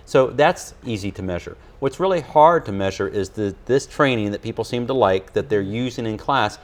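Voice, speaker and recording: A man's voice: on the low side, animated, normal speed. A man who leads a school district, answering in an earnest studio interview with many fillers and restarts.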